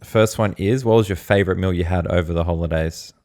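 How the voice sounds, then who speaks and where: A man's voice: low voice, quick pace, a little mellow. An Australian man hosting a podcast in casual chat, asking short, easygoing questions. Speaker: podcast host.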